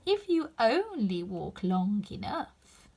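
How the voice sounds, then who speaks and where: A woman voicing a grinning, mad, teasing cat in a storybook, with slow, drawn-out, deliberate delivery. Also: a little high, very animated, creaky, a little mellow, breathy edge, exaggerated voice. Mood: sly, unhurried.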